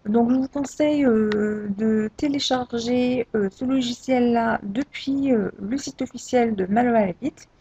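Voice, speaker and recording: A woman talks through a computer tutorial, pausing often and restarting her phrases. Her voice is gravelly and dark, a little husky. The recording sounds dull and lo-fi, as if from a desktop mic. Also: fairly high pitch, no room sound. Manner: hesitant, many fillers and restarts. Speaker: tutorial presenter. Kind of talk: screen-recorded software tutorial.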